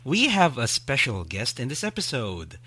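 A man's voice: mid-range voice, wildly swooping pitch, moderate pace, bright, forceful tone, husky, no echo. A man hosting a podcast, chatting casually and rambling with many fillers and restarts. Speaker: podcast host.

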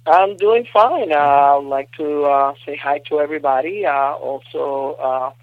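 A man's voice: fairly high pitch, measured pace, no room sound. A man raised in Puerto Rico, a podcast guest speaking from his apartment, talking hesitantly with many fillers. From United States, raised in Puerto Rico. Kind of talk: casual interview chat. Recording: dull dry call line.

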